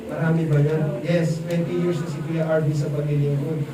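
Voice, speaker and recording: An animated male preacher with a high voice, quizzing his audience as he tells the story. His sermon booms around an echoey hall, caught from a distance by the mic. Steady background noise runs underneath. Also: normal speed. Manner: animated, quizzes the crowd, mixes English. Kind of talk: lively sermon with audience questions. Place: church event hall.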